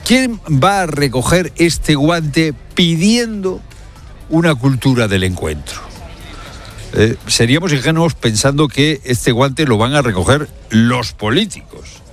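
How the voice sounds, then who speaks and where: A male commentator, talking through the news live at a mid-range pitch. He leans hard on his points and keeps throwing rhetorical questions at the listener. Hesitant fillers break up his sentences now and then. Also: very animated, a little slow, soft background music. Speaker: radio commentator.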